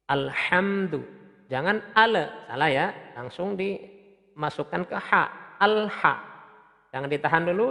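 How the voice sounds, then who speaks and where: A man teaching Quran recitation step by step, patiently repeating sounds and chanting verses in a slow, drawn-out melodic tone. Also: on the high side, gravelly, a bit bright, in a large hall.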